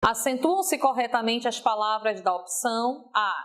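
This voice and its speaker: A woman teacher giving a recorded video lesson, stretching example words slowly and checking in with a frequent "ok?". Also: a little high, a bit bright.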